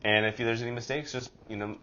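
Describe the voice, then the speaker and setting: A man's voice: medium pitch, steady tone, quick pace, sharp tone, lo-fi sound, slight background noise. A man with a nasal voice hosting a casual horoscope vlog, chatty and rambling with a self-deprecating streak. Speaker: astrology vlogger.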